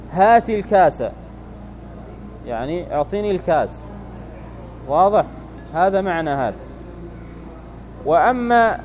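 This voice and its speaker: High-voiced man teaching grammar. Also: slight background noise, poor audio. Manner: repeats key phrases and checks in with listeners. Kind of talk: classroom grammar lesson.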